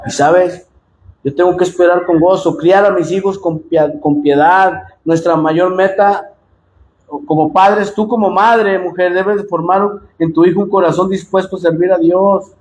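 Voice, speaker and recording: A man with a Mexican accent preaching a sermon as pastor, impassioned and direct with the congregation, often rising to shouts. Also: high-pitched, steady tone, a little slow. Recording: echoey room with faint noise.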